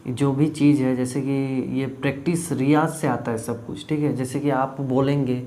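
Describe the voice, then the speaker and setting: A man's voice: medium pitch, fairly even intonation, normal speed, dark tone. A young man from Jharkhand telling about an audition in a casual vlog, rambling with frequent fillers. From Jharkhand, India. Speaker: YouTube vlogger. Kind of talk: casual talk to camera.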